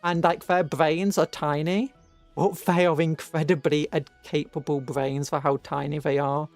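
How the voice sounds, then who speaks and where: This is casual livestream chatter from a British VTuber who muses aloud, rambles, and keeps stopping to correct themselves. The delivery is flat and measured, medium-pitched with a darkish tone, and music plays in the background.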